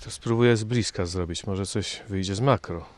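Male amateur photographer outdoors, hesitant, lower voice. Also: dry recording. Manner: halting, hesitant.

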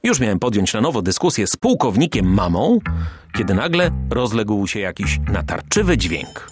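A man narrates a detective tale in first person, his low voice swinging widely in pitch. He tells it wryly and expressively, with clear music playing behind him. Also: normal speed. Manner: wry, expressive storytelling. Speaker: audiobook narrator.

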